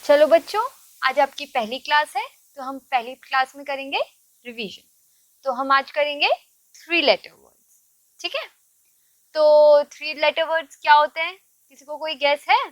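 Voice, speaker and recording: A woman teaching English words to children, patiently repeating and spelling each word slowly. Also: high-pitched, fairly even intonation, no room sound.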